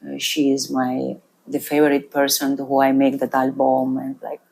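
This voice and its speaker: A woman from Ukraine with a Ukrainian accent, speaking animated, broken English as a guest in a studio interview. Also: extremely low pitch, normal speed, gravelly, husky. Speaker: guest musician and DJ. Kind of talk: casual interview.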